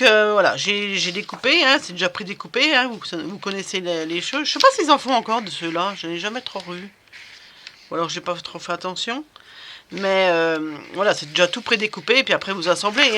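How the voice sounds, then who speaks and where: A woman's voice: medium pitch, expressive, fairly quick, pushed and bright, a little hiss or hum. A woman vlogger chatting casually while she crafts at home, rambling and hesitant, full of fillers and restarts.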